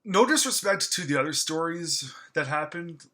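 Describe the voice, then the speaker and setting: A slightly high, pushed and bright male voice with lively intonation delivers a casual spoken film review. The reviewer gushes excitedly, his speech halting and full of fillers and restarts.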